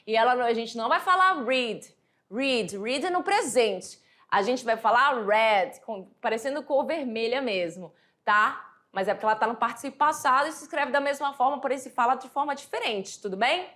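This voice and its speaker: A woman's voice: high voice, expressive, fairly bright tone. Patient Brazilian woman teaching English. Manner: explains patiently, repeats words, reads English examples slowly. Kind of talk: classroom lesson explanation.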